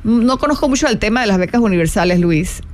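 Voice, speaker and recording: A woman's voice: mid-range voice, quick pace. A middle-aged woman hosting a live stream, chatting casually, asking rhetorical questions, repeating words and reading viewers' comments aloud. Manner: animated, rhetorical questions and repetitions; greets viewers and reads their comments aloud. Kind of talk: casual live chat reflecting on happiness.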